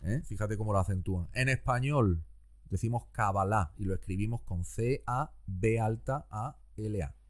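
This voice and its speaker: A man, a guest teacher explaining things calmly and patiently in conversation. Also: on the low side, moderate pace. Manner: calm, didactic, explains patiently.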